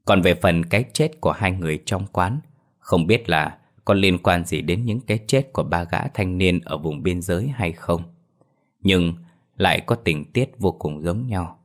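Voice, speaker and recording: Deep-voiced man narrating a horror story. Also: expressive, normal speed.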